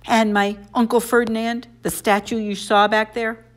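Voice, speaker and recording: A woman's voice: a little high, flat delivery, moderate pace, pitched above the performer's own voice, close to an everyday voice. A woman voicing an earnest, plaintive young male satyr in an audiobook.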